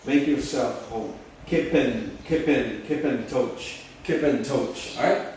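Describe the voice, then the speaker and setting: A man teaching English phrases at a whiteboard, switching between English and Spanish and repeating each phrase slowly several times. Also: mid-range voice. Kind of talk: bilingual whiteboard lesson. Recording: roomy, distant mic, faint background hum.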